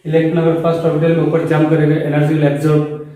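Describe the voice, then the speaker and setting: A man lecturing in a strongly echoing classroom, his voice coming from some distance from the mic. His tone is mellow and a little high, and he explains step by step, mixing in English terms and formulas and quizzing the students along the way. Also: completely flat delivery, fast talker. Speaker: chemistry teacher. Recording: very echoey room, voice from a distance.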